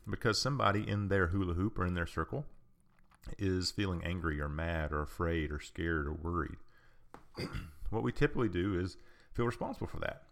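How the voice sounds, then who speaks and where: A man with a low, gravelly voice gives an informal explanatory talk, repeating his points patiently. He asks rhetorical questions, fills pauses with "um" and clears his throat now and then. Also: fairly bright tone. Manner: patient and repetitive, with rhetorical questions and frequent ums.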